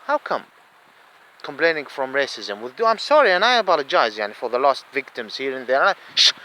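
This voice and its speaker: A man with an Arabic accent delivers a heated solo monologue, repeating words and switching between English and Arabic phrases. He talks briskly at medium pitch with big pitch swings and a sharp tone. The recording quality is rough.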